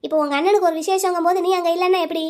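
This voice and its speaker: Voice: very high voice, fairly even intonation, rapid-fire, a little mellow. A woman doing a stern old cartoon grandmother. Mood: scolding. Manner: insistent, scolding. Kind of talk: cartoon storytelling.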